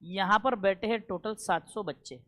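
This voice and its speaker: A man teaching a classroom lecture, emphatic and repetitive, often checking that students follow and slowing down for key English terms. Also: sits high, pushed and bright. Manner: emphatic, repeats points and keeps checking understanding.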